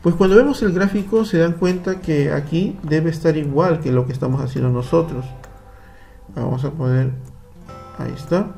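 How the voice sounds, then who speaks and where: Soft music plays behind this Peruvian-accented man as he guides kids through a computer lesson on a screen recording. He speaks at a normal speed in a gravelly, warm voice on the high side, explaining step by step with patience and plenty of tag questions.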